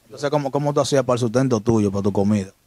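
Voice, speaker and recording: A man hosting an interview, cutting in with quick questions and finishing the guest's thoughts. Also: medium pitch, mellow, dry recording. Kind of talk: casual interview prompts.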